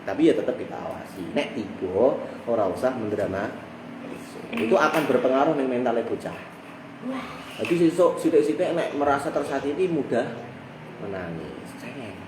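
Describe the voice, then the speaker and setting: A man with a Javanese accent teaching a religious text study, reciting Arabic phrases and then explaining them in lively local speech. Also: medium pitch, moderate pace. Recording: echoey room, heard from a distance with background noise.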